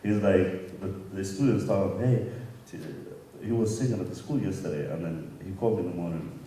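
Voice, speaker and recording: A man's voice: low voice, brisk, warm tone. A man in his thirties from Somalia with a Somali accent, telling stories animatedly on stage and laughing often as he acts out voices. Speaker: keynote guest musician. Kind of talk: onstage interview storytelling. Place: conference hall stage. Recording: roomy hall sound from far off, faint noise.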